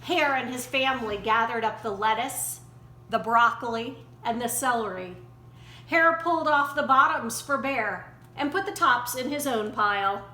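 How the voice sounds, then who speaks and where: A woman storyteller reading a children's picture book aloud in an animated way. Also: a little high, moderate pace. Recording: roomy echo, faint background noise.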